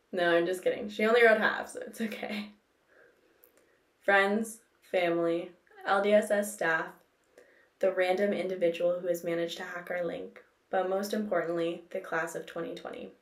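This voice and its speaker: Young woman in a roomy, distant recording. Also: fairly low pitch. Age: young adult. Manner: joking, lighthearted. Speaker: class valedictorian. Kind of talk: graduation speech. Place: room at home.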